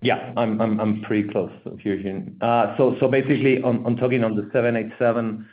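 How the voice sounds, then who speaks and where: A man presenting company results over a conference call line that keeps cutting out, talking in a halting way and often repeating his words. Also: lowish voice, steady tone. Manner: halting, stumbling delivery with many repeated words. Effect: heard over a conference call line that keeps cutting out. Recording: echoey, tinny phone-like call line.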